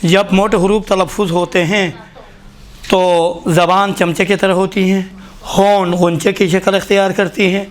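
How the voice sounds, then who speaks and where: A man with a fairly high voice teaches pronunciation to a class. He explains patiently and keeps asking his students questions. At times he moves off the mic as he writes. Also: flat delivery. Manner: patient, questioning, often says "look". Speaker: tajweed teacher. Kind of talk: classroom lesson.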